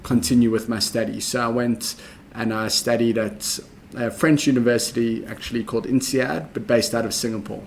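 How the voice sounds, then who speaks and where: Here a young adult guest with a South African accent talks through his career in a conversational interview, methodical and measured, with many ums. He holds a medium pitch and a steady tone with some vocal fry, against slight background noise.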